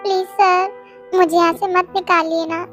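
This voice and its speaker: A woman's voice: very high voice, flat delivery, normal speed, fairly bright tone, soft background music. A reader as a pleading, cheeky young office woman.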